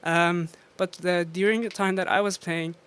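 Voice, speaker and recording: A woman's voice: fairly low pitch, fairly even intonation, normal speed, fairly bright tone, slight background noise. A woman from Iran, a DJ being interviewed, telling stories with many fillers and frequent laughs. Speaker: DJ and guest. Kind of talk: casual interview.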